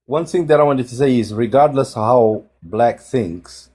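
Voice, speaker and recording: A man with a husky voice hosts a panel discussion. He talks earnestly, stumbles over his words and circles back to repeat his points. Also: medium pitch, normal speed, a little mellow. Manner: earnest, repeats himself, stammers.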